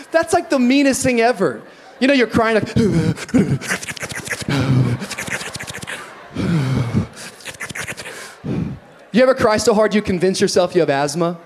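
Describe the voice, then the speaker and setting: A male pastor preaching an animated sermon, telling stories with humor and rising to emphatic shouts. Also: high voice, drawn-out words, long pauses, a little hiss or hum.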